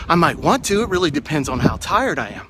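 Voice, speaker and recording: A man's voice: a little high, very animated, fast talker. A man hosting a motivational vlog, winded as he climbs outdoor steps and talks encouragingly into his handheld phone. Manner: encouraging, talks to camera while climbing stairs. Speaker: vlog host. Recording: loud wind noise on phone mic.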